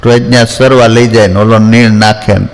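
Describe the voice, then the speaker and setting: A man's voice: on the low side, steady tone, brisk, long reverb tail, rough recording. A man giving a folksy devotional discourse, telling anecdotes and acting out villagers in quoted voices. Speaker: spiritual storyteller.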